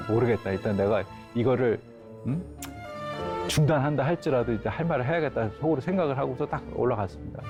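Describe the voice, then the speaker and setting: A man, a pastor and grief counselor, telling a personal story in a lecture and acting out the voices of the people in it. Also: medium pitch. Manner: animated, acts out dialogue in his story.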